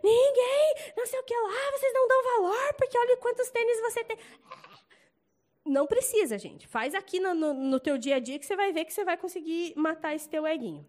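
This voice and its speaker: Young brazilian woman telling a church story, high voice, chatty and animated, brazilian accent. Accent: Brazilian Portuguese. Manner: chatty, animated storytelling with loud acted quotes. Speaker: church member giving a testimony. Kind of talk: casual testimony talk.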